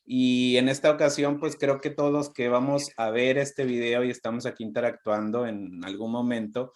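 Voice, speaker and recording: A man's voice: mid-range voice, flat delivery, normal speed. A man from Mexico hosting a live-streamed interview, greeting viewers and prompting his guest in a friendly way. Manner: friendly, warm welcomes, restarts often. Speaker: interview host.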